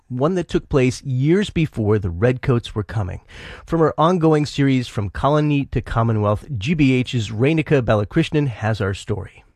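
A man introducing a radio story in a scripted, expressive broadcast read. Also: medium pitch, no echo, clean studio sound. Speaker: station host.

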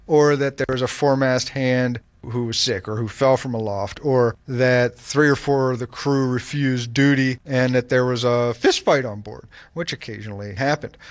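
A museum expert explaining plainly and matter-of-factly in a radio feature. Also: male voice, mid-range voice.

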